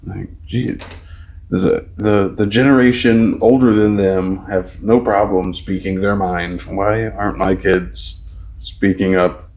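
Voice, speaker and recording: Low-voiced rambling podcast co-host man. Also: steady tone, measured pace. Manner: rambling, filler-heavy, mimics kids loudly. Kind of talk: casual chat.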